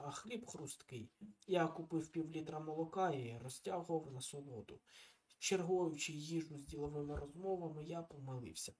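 A man narrating a detective story in the first person, with a wry, steady delivery. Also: fairly high pitch. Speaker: audiobook reader.

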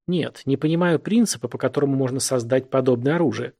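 A man's voice: medium pitch, fast talker, creaky, warm tone. A man voicing a young, easygoing male starship captain in an audiobook. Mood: thoughtful. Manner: light, bemused.

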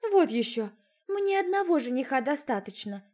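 A woman voicing a stubborn, haughty young fairy-tale princess with a shrill, indignant tone. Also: big pitch swings, normal speed, darkish tone.

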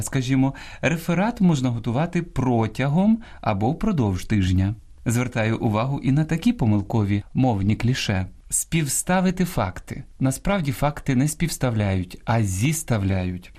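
Male radio host giving a language lesson; mellow tone, animated intonation, patient and didactic. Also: medium pitch. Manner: didactic, corrects common mistakes word by word. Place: radio studio.

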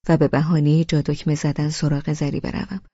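A woman's voice: deep voice, little pitch movement, mellow, husky, no echo, dull audio. A woman narrating a novel in the first person, intimate and sometimes close to a whisper. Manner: intimate, at times dropping to a whisper. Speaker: audiobook narrator.

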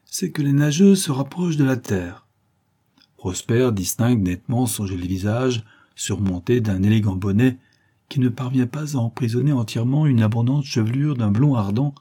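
A man narrating a classic novel aloud in an expressive, theatrical storytelling manner. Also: mid-range voice, husky. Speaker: audiobook reader.

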